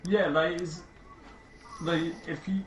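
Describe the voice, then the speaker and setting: A man's voice: fairly high pitch, flat delivery, takes it slowly, fairly bright tone. A young man chatting and teasing his friend while playing a video game. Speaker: gamer. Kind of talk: casual chat over gameplay. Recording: roomy, noisy, game sound.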